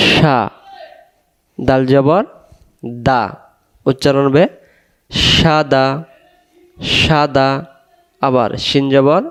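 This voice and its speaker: Slow, patient man drilling letter sounds. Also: mid-range voice, smooth. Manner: patient, drills syllables and asks learners to repeat. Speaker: Quran reading teacher. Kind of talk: slow letter-by-letter recitation lesson.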